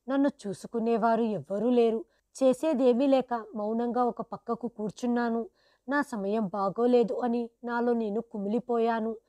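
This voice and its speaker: A woman narrating, in the first person, a sad family story as an old father, in a steady, sorrowful storytelling manner. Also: fairly high pitch, dry recording.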